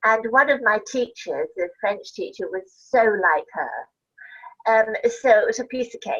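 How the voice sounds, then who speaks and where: A woman's voice: a little high, expressive, normal speed, fairly bright tone, highs cut off. An older woman from Scotland, an actress telling rambling, laughing anecdotes as an interview guest. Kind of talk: casual chat.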